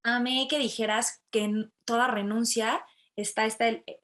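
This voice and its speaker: Woman co-host, animated and playful, slightly high voice. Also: normal speed. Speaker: podcast co-host. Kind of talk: casual podcast chat.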